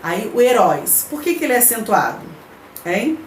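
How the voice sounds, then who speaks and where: A primary school teacher with a Brazilian Portuguese accent gives a recorded remote lesson in a fairly high, very animated voice at normal speed. She reads the textbook aloud, explains it patiently and checks in with her pupils, in an echoey room with faint background noise.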